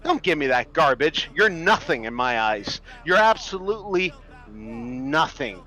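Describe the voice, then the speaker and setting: Bright-voiced preachy man ranting. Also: a little high, big pitch swings, unhurried, low-quality recording. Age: 30s. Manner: preachy, profane, emphatic. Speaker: livestreamer. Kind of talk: impassioned rant to stream viewers.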